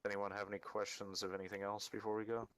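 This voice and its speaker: A man leading a military-style game mission briefing, matter-of-fact and directing, with halting delivery. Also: fairly low pitch, little pitch movement, fairly bright tone, no room sound. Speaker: mission leader briefing a team.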